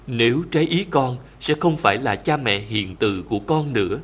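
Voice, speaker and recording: Male reader voicing a selfless young prince in a scripture story; calm, reverent, measured. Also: medium pitch, slightly rough. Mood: earnest pleading. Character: devoted young prince, gentle and self-sacrificing.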